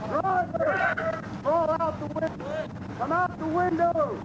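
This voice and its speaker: A police officer calling out slow, firm commands through a patrol car loudspeaker outdoors. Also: male voice, very high voice. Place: outdoors at a traffic stop. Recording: muffled loudspeaker, loud vehicle noise.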